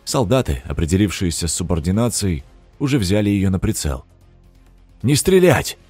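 A man's voice: low voice, expressive, brisk, darkish tone, slightly rough, no echo, soft background music. A man narrating an audiobook in the first person, wry and dramatic.

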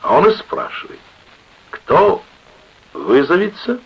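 A man voicing a huge drunken sailor who bellows in a slurred, drawn-out way, on an old lo-fi radio recording. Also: on the high side, huge pitch swings, vocal fry, husky, pitched above the performer's own voice, exaggerated voice. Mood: boastful storytelling.

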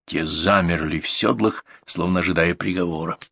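A man narrating a fairy tale in an expressive, measured reading voice. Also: low-pitched, vocal fry, breathy edge, no room sound, studio quality. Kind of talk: storybook narration.

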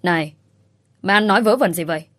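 A woman's voice: mid-range voice, moderate pace, no echo, close to an everyday voice. A woman voicing a brash, bad-tempered female friend who scolds sharply. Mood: furious.

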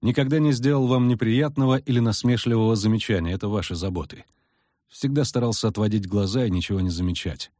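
A man's voice: fairly low pitch, fast talker, mellow, no room sound, studio quality, close to an everyday voice. A man voicing a stern male gang leader who speaks seriously and at length. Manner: serious, lecturing.

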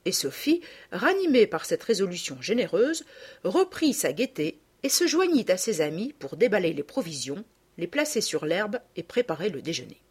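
A woman reading a classic children's story aloud with expressive, animated narration. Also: medium pitch, normal speed, husky. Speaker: audiobook reader.

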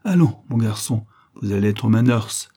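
A man voicing an exuberant young American man, loud and excitable. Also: fairly low pitch, normal speed. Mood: teasing.

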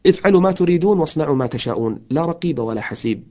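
Lo-fi recorded male preacher, higher voice. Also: animated, warm tone. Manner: storytelling sermon, chants verse slowly. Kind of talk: sermon. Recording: dull lo-fi audio.

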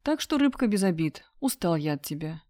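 A woman reading a husky, careless young man who mockingly dumps his girlfriend in an audiobook. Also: on the low side, big pitch swings, a little fast, dark tone, dry recording, clean studio sound.

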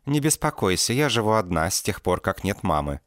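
A man voicing a timid, plump woman who speaks in a squeaky, pleading way in an audiobook. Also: very animated, fairly quick, no room sound, clean studio sound. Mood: reassuring.

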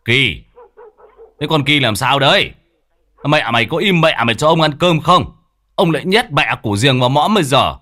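A man voicing a hot-tempered old village man who shouts curses. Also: lowish voice, sing-song, moderate pace, no room sound, clean studio sound. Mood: scolding.

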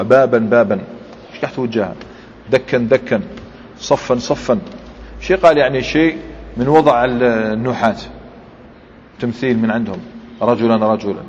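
A man teaching a grammar lesson, explaining step by step and quizzing his students with quick questions. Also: medium pitch, darkish tone, a little hiss or hum. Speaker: Islamic scholar teaching Arabic grammar. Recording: dull lo-fi recording with long hall reverb.

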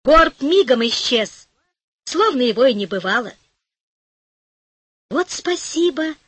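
A woman narrating a fairy tale for an audiobook, gentle and expressive. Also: a little high, normal speed, slightly rough, dry recording. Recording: dry studio audiobook.

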